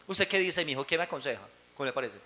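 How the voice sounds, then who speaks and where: A man's voice: animated, fast talker. A preacher putting on a meek, pleading father. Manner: soft, low and plaintive. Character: meek pleading father, middle-aged man.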